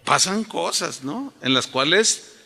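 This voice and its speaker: A pastor preaching a sermon to a congregation, animated and telling stories. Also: male voice, fairly high pitch, slow pace, vocal fry. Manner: animated, storytelling, addresses the congregation. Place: church auditorium. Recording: reverberant auditorium.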